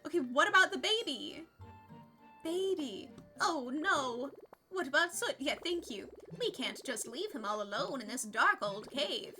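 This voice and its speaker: A woman reading the lines of an eager, friendly spaceship crew member in an earnest, excited way. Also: high-pitched, a little slow, music in the background.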